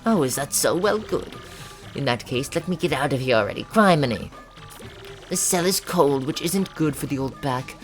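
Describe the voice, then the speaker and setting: A man voicing a stern old woman elder who scolds and lectures in a gruff way in a video game. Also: on the high side, expressive, moderate pace, soft background music, natural voice.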